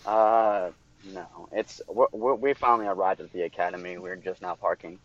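A man's voice: deep voice, steady tone, normal speed, highs cut off, voice pushed down, close to an everyday voice. A man calling in to a live podcast from a car, laid-back and joking.

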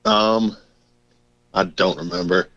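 A man's voice: sits low, steady tone, takes it slowly, fairly bright tone, no echo. A man talking over the phone in a casual chat, giving short, plain answers. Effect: heard over the phone. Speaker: phone-in guest, host's son. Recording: dull, muffled phone line.

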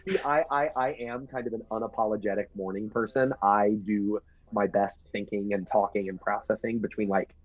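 A man's voice: on the low side, fairly even intonation, brisk, hardly any pauses, no room sound, phone-quality sound. A man talking as a podcast guest in casual, upbeat, reflective conversation.

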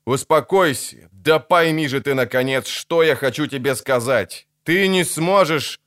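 A man voicing a tough male monster hunter who shouts and pleads in an audiobook. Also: fairly high pitch, measured pace, clear, resonant tone, no room sound, studio quality. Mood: urgent.

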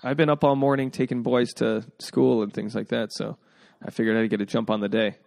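A man's voice: mid-range voice, flat delivery, brisk, gravelly, a little mellow. A man hosting an advice podcast in a casual, rambling way, with jokey asides. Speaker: podcast host. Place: indoors at home.

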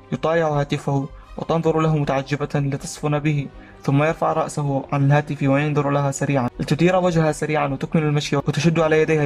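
Brief: male narrator, fast, even delivery, slightly high voice, faint music behind. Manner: rapid, even reading. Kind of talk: scripted story narration.

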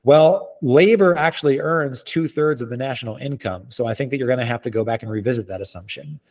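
Guy being interviewed as an economist, mid-pitched voice, careful formal wording, explains stuff clearly. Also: darkish tone. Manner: articulate, measured, formal phrasing.

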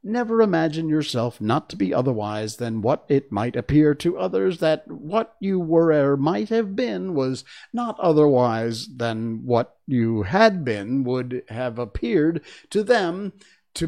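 Storybook voice: man doing a fawning, pompous old duchess, high and loud. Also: big pitch swings, unhurried. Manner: preachy and pompous, fond of morals. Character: old female duchess, ugly, moralizing, fawning.

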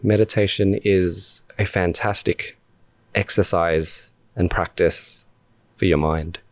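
A man hosting a podcast guides a meditation in a low voice with no echo, speaking calmly and deliberately in short phrases separated by long pauses.

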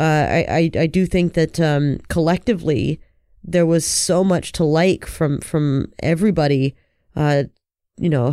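A man's voice: on the high side, a little mellow, clean tone, dry recording, clean studio sound. A man co-hosting a sports podcast with casual, earnest commentary, repeating phrases for emphasis while under the weather with a cold.

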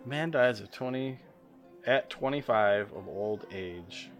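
A man's voice: on the low side, animated, soft background music. A man playing a riddle game in casual chat, cracking jokes at his own guesses. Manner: joking, quick with wisecracks. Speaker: podcast co-host, game player.

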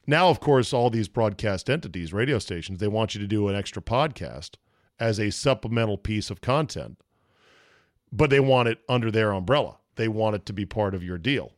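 A man's voice: on the low side, animated, moderate pace, dry recording, clean studio sound. A man in his fifties hosting a podcast, talking in a laid-back, freewheeling way and reading aloud. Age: 50s. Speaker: podcast and sports radio host. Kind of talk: freewheeling solo podcast talk, reading listener emails.

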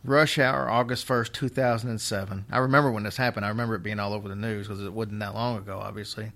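A man's voice: on the low side, fairly even intonation, fast, fairly bright tone. Man with slightly lopsided, slurred speech, joking. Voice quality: occasional lip smack, whistle and slight slur from half-paralyzed mouth. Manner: joking, wry. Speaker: podcast host. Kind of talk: casual storytelling banter.

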